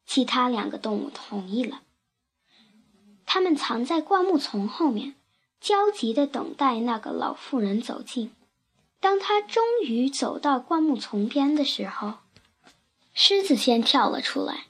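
A woman reading a children's picture book aloud with expressive storytelling narration. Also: sits high, a little slow, husky.

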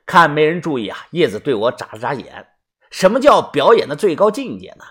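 A man's voice: a little high, sing-song, fairly quick, bright, forceful tone, breathy edge. A man narrating a first-person audiobook story in a chatty way, padding phrases with little fillers.

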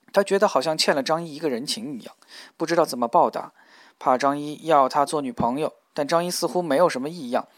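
A man narrating a novel in a calm, even storytelling voice. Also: a little high, dry recording, studio quality. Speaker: audiobook narrator.

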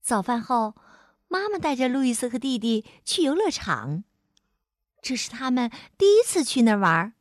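A woman narrating a children's storybook in an expressive manner, stretching her sentence-final particles. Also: a little high, normal speed, dry recording, clean studio sound.

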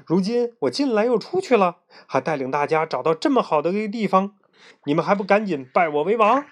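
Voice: mid-range voice, animated, brisk, pitched above the performer's own voice, lightly acted. A storyteller voicing a bold, boastful young male monkey king in a children's story, speaking in a raised, emphatic way. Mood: proud.

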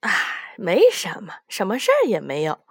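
Lady playing a sneaky clever little rat, quick and shifty, dry sound. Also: mid-range voice, slightly rough, no echo, full character voice. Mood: evasive. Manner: excited, then evasive.

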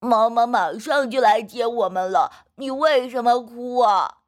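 A woman's voice: fairly high pitch, a little slow, natural voice. A woman doing a sniffly little bear cub. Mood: plaintive. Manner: sniffling, plaintive. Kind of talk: storybook reading.

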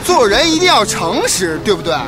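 A man's voice: sits high, sing-song, a little fast. A man playing a stern, mocking drill instructor in a comedy skit, barking out drill commands and scolding. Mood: slyly mocking. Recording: loud music and crowd noise behind.

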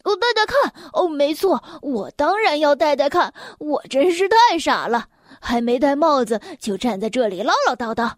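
A woman reading a children's story, voicing an excitable chatterbox man who rambles on without pause. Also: high-pitched, no echo, studio quality. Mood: excited.

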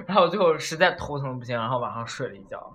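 A man casually telling a story on a podcast, animated and acting out the people in it. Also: mid-range voice, racing, husky. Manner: animated, acts out voices while telling a story.

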